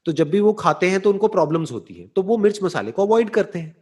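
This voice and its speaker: A man giving a slow, deliberate motivational talk, often checking in with rhetorical questions and slipping into English phrases. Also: sits high, expressive, a little mellow. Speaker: motivational speaker. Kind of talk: explanatory talk answering a listener.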